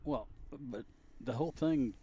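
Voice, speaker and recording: A man's voice: mid-range voice, a little slow, dark tone, a little hiss or hum. A man in his seventies doing color commentary, asking skeptical old-school questions about the rules. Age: 70s. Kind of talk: sports commentary.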